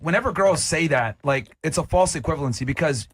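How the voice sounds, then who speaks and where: A man's voice: a little high, lively intonation, brisk, a bit bright, slightly rough. A man hosting a heated panel debate, speaking bluntly and assertively in a lecturing manner. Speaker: podcast panel host.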